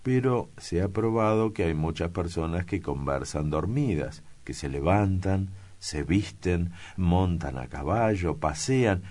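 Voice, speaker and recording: A man's voice: low-pitched, expressive, unhurried, few pauses, a little mellow. A man voicing a timid old male secretary who speaks in ornate, obsequious phrases. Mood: fussy.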